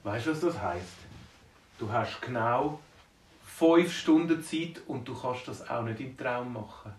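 A man with a Swiss German accent voicing a kindly male wizard who explains things calmly and patiently in a bedtime story. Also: mid-range voice, a little slow, lightly acted. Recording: roomy, distant mic, faint noise.

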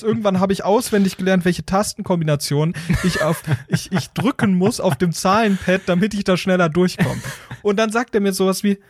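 A man's voice: high-pitched, dry recording. A man with a slightly raised voice tells a story on a casual podcast, jumping into acted-out voices for phone agents and a clunky automated menu. The sound is dry and close to the mic. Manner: animated storyteller, acts out robotic phone menu and rude agents. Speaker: podcast host telling a story.

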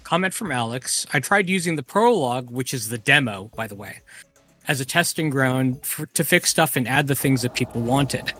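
A man's voice: mid-range voice, lively intonation, normal speed, bright, forceful tone, slightly rough, soft background music. A man co-hosting a podcast, reading a guest's typed comments aloud and adding brief remarks. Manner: reads messages aloud, then adds short remarks. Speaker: co-host reading out a developer's chat comments. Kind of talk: casual podcast chat.

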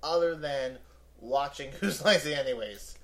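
A man's voice: medium pitch, measured pace. A man from Pennsylvania telling personal anecdotes in casual chat as an interview guest. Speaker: interview guest, improv comedian.

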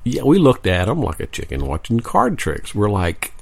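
Man, low voice, gravelly, podcast co-host, wry joking storyteller. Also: huge pitch swings, normal speed, darkish tone, dry recording. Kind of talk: casual storytelling chat. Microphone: podcast microphone.

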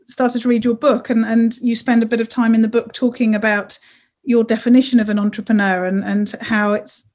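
A woman's voice: a little high, little pitch movement, fairly quick, darkish tone. A woman interviewer asking questions conversationally, often correcting herself as she goes. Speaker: interviewer, host.

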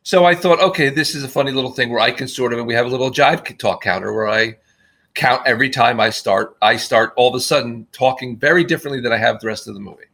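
A man's voice: mid-range voice, fast talker, gravelly, a bit bright. A man being interviewed on a podcast, talking in a rambling, self-deprecating way with frequent restarts. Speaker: guest filmmaker. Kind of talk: casual podcast conversation.

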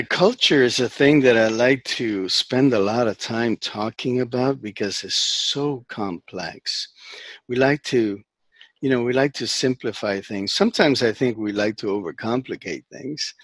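A middle-aged man raised in the Dominican Republic, a therapist talking as a guest in a conversational interview, halting with many fillers and restarts. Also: mid-range voice, dry recording.

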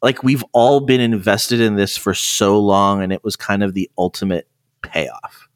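A man's voice: fairly low pitch, fairly even intonation, measured pace. Laid-back podcast co-host man. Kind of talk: casual chat.

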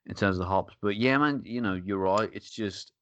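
A man's voice: fairly low pitch, normal speed, dry recording. A man co-hosting a casual beer-tasting podcast, talking in a laid-back way and laughing often. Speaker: podcast co-host. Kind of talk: casual chat.

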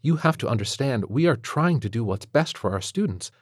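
A man's voice: mid-range voice, expressive, brisk, breathy edge, no echo, clean studio sound, voice pushed up. A man voicing a prim, passive-aggressive female kindergarten teacher with a sugary, condescending manner. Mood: sugary preachy. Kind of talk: audiobook character voice.

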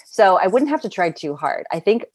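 A woman's voice: mid-range voice, sing-song, a little fast, breathy edge, no room sound, studio quality. A woman in casual conversation, chatty and upbeat, laughing easily as she talks. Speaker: actor. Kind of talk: casual chat. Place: Los Angeles area.

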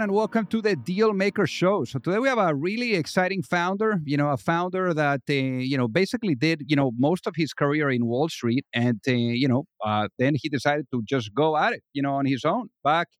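An upbeat man hosts a business interview podcast, his voice sitting fairly high and peppered with filler phrases. The sound is dry and close. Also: fairly quick, no echo. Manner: upbeat, filler-heavy, lots of you know. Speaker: podcast host.

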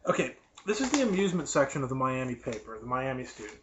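A man's voice: mid-range voice, very animated, fast, noisy background. Young man ranting on a lo-fi podcast. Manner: sarcastic, rambling, goes off on tangents. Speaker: podcast host reading the newspaper. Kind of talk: casual live commentary. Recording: dull lo-fi recording.

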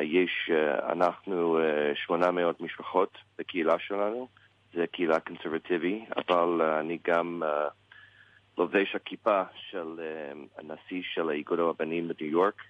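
A man with an American English accent in Hebrew, a native English speaker, answers a radio interview as a rabbi, haltingly searching for words. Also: deep voice, no room sound, phone-quality sound.

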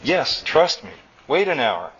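A man voicing an excitable male inventor who talks in excited, whooping bursts, on a dull lo-fi live recording. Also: on the high side, unhurried, breathy edge, heavily acted.

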